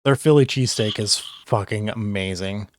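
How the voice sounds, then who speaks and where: Low-voiced, blunt man chatting casually. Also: normal speed, dry recording, clean studio sound. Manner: opinionated, blunt, swears freely. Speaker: host of a tier-list discussion. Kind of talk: casual chat, ranking fast food.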